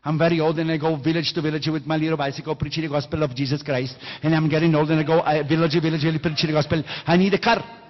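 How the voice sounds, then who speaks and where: A man imitating an old pastor from abroad who pleads in halting, broken phrases. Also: fairly high pitch, level tone, big-room sound, lo-fi sound, close to an everyday voice. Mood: pleading.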